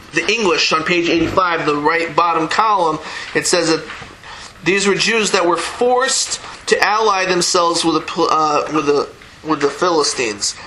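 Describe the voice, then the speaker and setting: Bright-voiced man teaching a text class. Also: fairly high pitch, slight background noise, poor audio. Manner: halting, restarts, reads Hebrew verses then translates. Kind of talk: verse-by-verse text study lesson.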